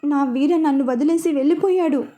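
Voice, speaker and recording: A woman's voice: high voice, a little fast, mellow, natural voice. A woman voicing a heartbroken young wife who speaks while crying. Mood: despairing.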